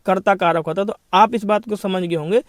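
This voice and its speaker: A man with a high voice teaches an exam-prep grammar lesson. He poses questions and answers them himself, repeating each point. The recording is dry and close. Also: fairly even intonation, a little fast, no room sound. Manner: explains then repeats each point, asks and answers his own questions; addresses students as brother.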